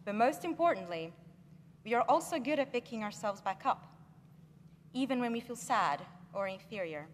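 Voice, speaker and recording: A young woman delivers a graduation speech from a podium, earnest and measured, pressing on important words. Her voice sits a little high, and it rings through a large hall with a long reverb. A faint wash of room noise lies underneath. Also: animated. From Brazil. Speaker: graduate speaker. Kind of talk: commencement speech.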